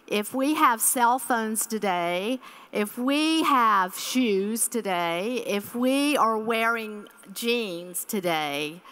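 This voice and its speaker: Slow, bright-voiced woman preaching a keynote. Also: on the high side. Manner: earnest, preacher-like, repeats key phrases. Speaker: keynote speaker. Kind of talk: church conference keynote address. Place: large conference hall stage at a podium. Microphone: podium microphone.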